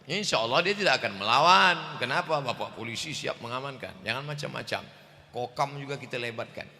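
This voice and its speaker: Bapak ustadz ceramah lucu, suaranya keras menggelegar dan tajam, gema aula panjang. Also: male voice, lively intonation, brisk, a little hiss or hum. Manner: loud booming voice. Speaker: preacher. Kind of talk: humorous sermon. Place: large mosque. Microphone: handheld microphone. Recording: echoey hall reverb.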